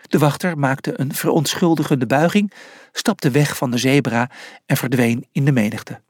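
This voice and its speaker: A man slowly reading a children's storybook aloud in an expressive way, with a husky voice. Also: medium pitch, dry recording, studio quality. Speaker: narrator.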